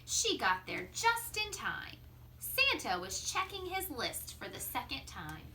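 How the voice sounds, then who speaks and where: Here the woman's voice is high-pitched, with wildly swooping pitch and a slightly slow pace, as she reads a children's story like a teacher. She stretches out words expressively and drops into hushed asides over slight background noise.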